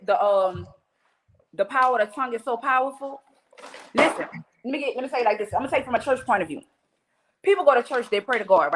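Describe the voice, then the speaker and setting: A woman with a New Orleans accent talks in a fairly high voice on a podcast. She is blunt and profane and full of energy, breaking into quoted voices as she makes her points in casual conversation. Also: a little hiss or hum. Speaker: podcast guest, rapper. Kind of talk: casual chat.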